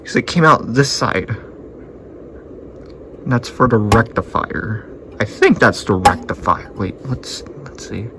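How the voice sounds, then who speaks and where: With a lowish voice and lively intonation, this hobbyist radio repairer speaks unhurriedly, leaving long pauses. He thinks aloud in casual, sweary commentary while filming his repairs on a noisy home video.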